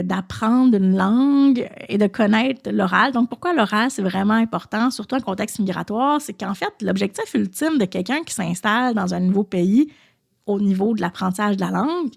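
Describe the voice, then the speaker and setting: A woman's voice: medium pitch, gravelly. A woman with a Québécois French accent, a podcast host and French teacher, explaining at an easy pace and thinking aloud with frequent hesitations.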